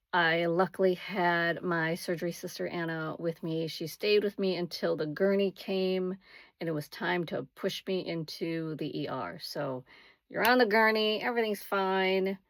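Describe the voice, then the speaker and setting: A woman's voice: lowish voice, unhurried, no echo. A woman vlogger telling a personal story casually, with dramatic, emphatic turns.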